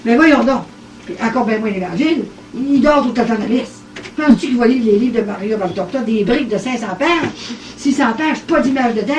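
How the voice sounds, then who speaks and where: A woman's voice: fairly high pitch, a little fast, background noise. Older Québécois woman telling a story. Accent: Québécois French. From Quebec. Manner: animated, acts out dialogue, laughs often. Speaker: storyteller at a gathering. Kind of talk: casual storytelling. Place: living room at a private evening gathering. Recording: echoey home cassette recording from far off.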